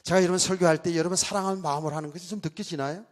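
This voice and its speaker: A man's voice: high voice, fairly even intonation, racing. A middle-aged man preaching a sermon as pastor in a church, talking casually with the congregation and joking in asides. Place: church sanctuary.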